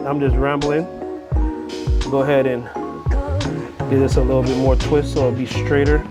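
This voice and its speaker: A man's voice: medium pitch, level tone, moderate pace, loud music behind the voice. A man with a Crucian accent from the US Virgin Islands, rambling casually and thinking aloud as he gives commentary on his hands-on workshop build. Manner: unscripted, thinking aloud while working. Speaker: DIY vehicle builder making videos.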